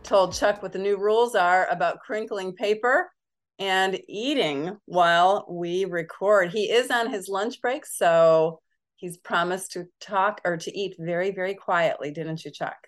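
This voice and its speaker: A woman's voice: medium pitch, measured pace. A woman co-hosting a movie review podcast, chatty and teasing, laughing easily as she talks through films. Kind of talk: casual chat.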